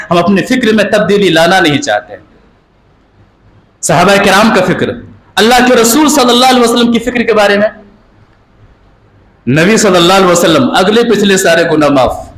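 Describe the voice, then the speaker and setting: A man preaching a Friday sermon, swinging between impassioned shouting and low quiet passages a repetitive rhetorical cadence. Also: expressive, normal speed, pauses often, echoey room, rough recording. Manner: rising to impassioned shouts, then dropping low.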